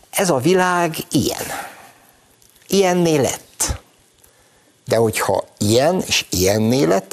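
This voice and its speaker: A low, husky male voice carries a long, opinionated commentary monologue. He mocks his targets with sarcasm and speaks to his listeners in a familiar way, like a talk show host sharing his views. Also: a little mellow. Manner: sarcastic, mocking.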